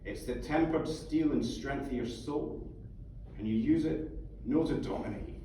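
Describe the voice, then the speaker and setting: A man with a warm, natural, medium-pitched voice reads, at a measured pace, the part of a fervent Scottish mentor who swears and philosophises in an emphatic, coaxing way. It sounds like an echoey theatre heard from far off, with faint noise.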